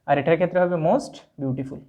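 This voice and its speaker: A brisk speaker with a voice on the high side and a Sylheti Bengali accent explains English grammar step by step. He spells words out one letter at a time. The recording is dull and lo-fi.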